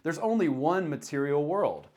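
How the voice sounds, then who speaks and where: A man's voice: on the high side, big pitch swings, moderate pace, a little mellow. A man with a Southern US accent and a drawl, explaining ideas in a casual, conversational video talk, leaning on key points. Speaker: self-help video creator.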